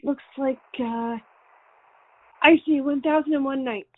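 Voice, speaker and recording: A woman's voice: high voice, fairly even intonation, unhurried. A woman playing a curt, impatient burglar reporting over a muffled phone line in an audio drama.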